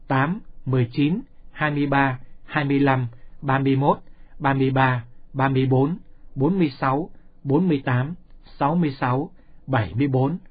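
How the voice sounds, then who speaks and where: A man reading a scripture study text aloud in a steady, measured way, reciting long lists of numbers evenly. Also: mid-range voice, slightly rough. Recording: dull lo-fi recording.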